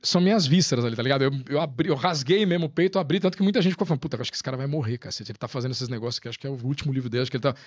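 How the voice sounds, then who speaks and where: A man's voice: mid-range voice, rapid-fire, hardly any pauses, no room sound, highs cut off. A man guest on a podcast, chatting casually and telling stories with lots of slang and acted-out quotes. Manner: animated storyteller, slangy, acts out quotes. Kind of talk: casual chat.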